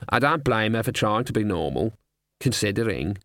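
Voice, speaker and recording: A man voicing a chatty, excitable male raven that squawks and gossips in a storybook reading. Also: on the low side, moderate pace, vocal fry, no room sound, studio quality, full character voice. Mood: gossipy.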